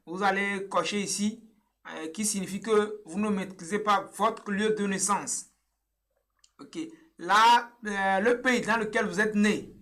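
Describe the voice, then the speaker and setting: A young man from Togo with a bright, high-pitched voice guides viewers through filling in a form on screen. He explains each step patiently and repeats himself, pausing often with small hesitations. He is recorded on a webcam in a small indoor room. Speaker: online tutorial presenter. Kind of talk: screen-share tutorial walkthrough.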